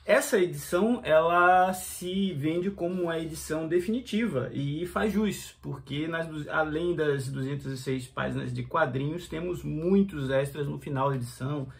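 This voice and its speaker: A man's voice: fairly high pitch, vocal fry. A man with a Brazilian Portuguese accent, casually reviewing a comic book and chatting to his viewers with frequent fillers and restarts.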